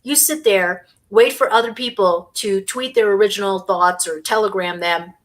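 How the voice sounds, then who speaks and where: A woman hosting a casual livestream in a bright, sharp voice. She talks with biting sarcasm and scorn. She sometimes chews on food between remarks. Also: medium pitch. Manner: eating while talking. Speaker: host.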